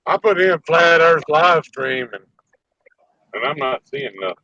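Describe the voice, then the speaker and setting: A man's voice: fairly high pitch, animated, a little slow, pushed and bright, no echo. A man, chatting on a livestream in a joking drawl and greeting viewers. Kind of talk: casual livestream chat. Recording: dull dry lo-fi mic.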